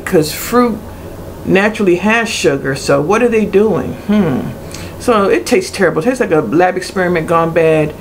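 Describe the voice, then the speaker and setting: A middle-aged woman giving a blunt, casual product review in a hesitant way with many pauses. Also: lowish voice. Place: small cluttered room indoors. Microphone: webcam at arm's length. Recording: noisy webcam recording with room ambience.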